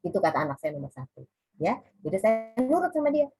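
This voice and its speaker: A woman's voice: mid-range voice, very animated, quick pace, over music, rough recording. A woman in her forties giving a chatty webinar talk on parenting over a video call. She speaks straight to the parents listening and drops in English words.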